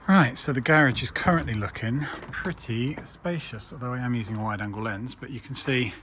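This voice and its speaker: A man's voice: mid-range voice, brisk, background noise. A man talking casually to camera as a DIY vlogger, chatty and self-deprecating.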